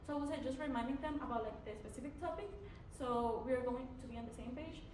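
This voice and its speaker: A young adult woman from Mexico, a native Spanish speaker with a Mexican accent, answers a panel's questions as a student candidate, hesitating with many fillers and restarts. Her voice is high, quick, and a little mellow. She is heard from far off in an echoey room with slight background noise.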